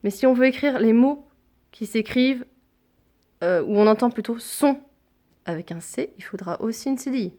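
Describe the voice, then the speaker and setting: A woman teaching a phonics lesson to young children, speaking deliberately and repeating each sound and example word. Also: on the high side, animated, dark tone.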